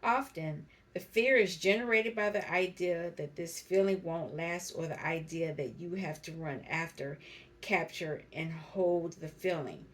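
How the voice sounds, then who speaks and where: A woman with a low voice gives a spiritual card reading straight to her camera. She talks slowly and reflectively and reads each card's meaning aloud in an even, gentle flow. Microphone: camera mic.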